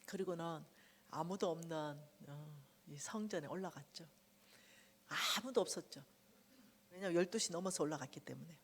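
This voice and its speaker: Her low-pitched voice carries some hiss or hum as a middle-aged woman shares her testimony at a church revival, where she is the guest speaker. She tells her story vividly and animatedly, loudly acting out the quotes. The sanctuary gives the recording a church hall reverb.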